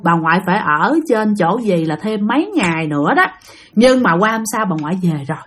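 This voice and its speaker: A woman telling a ghost story in a chatty way, speaking to her listeners directly. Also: mid-range voice. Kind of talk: casual ghost-story narration.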